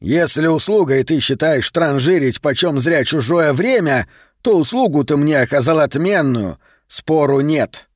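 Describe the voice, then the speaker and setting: A man's voice: fairly high pitch, expressive, measured pace, hardly any pauses, dry recording, studio quality. A man doing a raised, grumbling bookseller. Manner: grumbling, scolding. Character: grumbling irritable male bookseller.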